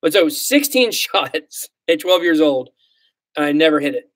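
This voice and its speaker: Fairly high-pitched and animated, this Southern-accented man in his thirties talks a little slowly in a somewhat bright voice with no room sound. He's hosting a casual livestream, reading comments and rambling, poking fun at himself, and filling gaps with ums and likes.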